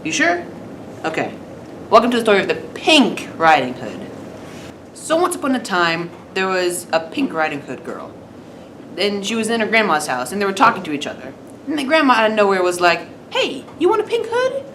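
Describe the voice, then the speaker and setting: A woman's voice: medium pitch, sing-song, fairly quick, a bit bright, a little hiss or hum. A woman telling a comic fairy tale off the cuff, with playful self-corrections and wry asides. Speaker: storyteller. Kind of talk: improvised comic storytelling.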